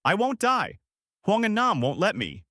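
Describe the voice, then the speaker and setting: A man voicing a determined village schoolteacher woman who shouts and pleads in a story. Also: medium pitch, wildly swooping pitch, normal speed, no echo. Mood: desperate shouting.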